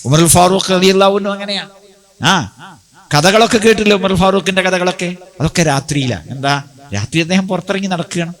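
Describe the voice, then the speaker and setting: A man's voice: high voice, brisk. A man preaching a Friday sermon in a mosque. He tells the story and keeps asking rhetorical questions that he answers himself.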